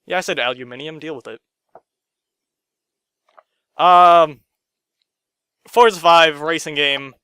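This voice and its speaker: Young male vlogger, sarcastic rant to camera, slightly high and crisp, swings loud to muttering. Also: brisk, few pauses, no room sound, studio quality. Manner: swings between loud outbursts and muttered asides, sarcastic, swears often. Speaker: gaming vlogger. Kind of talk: ranting to camera. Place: his own room.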